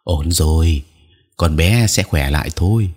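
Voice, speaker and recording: A man voicing a calm, earnest woman spirit medium, speaking softly and in a measured way in an audiobook. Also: very deep voice, husky, full character voice. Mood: gentle.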